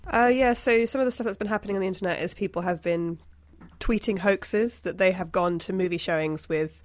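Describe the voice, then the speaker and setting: A woman on a podcast panel, explaining things casually and rephrasing to be clear. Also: medium pitch, a little fast.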